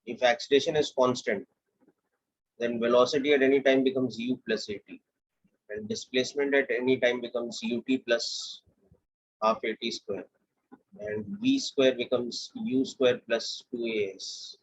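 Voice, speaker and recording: A young man with an Indian English accent, teaching a physics lesson step by step in a steady, explanatory way. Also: medium pitch, measured pace, slightly rough, low-quality recording. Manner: steady, explanatory, walks through steps aloud. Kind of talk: classroom lecture.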